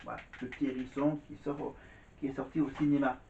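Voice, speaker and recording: A man's voice: medium pitch, level tone, fast talker, warm tone, a little hiss or hum. A man chatting casually to camera in a vlog, rambling, repeating words and saying "voilà" often. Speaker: vlogger. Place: indoors at home. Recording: echoey room, dull lo-fi sound.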